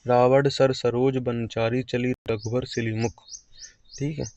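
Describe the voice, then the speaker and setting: A man's voice: medium pitch, flat delivery, a little slow, a little mellow, muffled recording. A man teaching an exam-prep grammar lesson, explaining patiently and repeating key phrases.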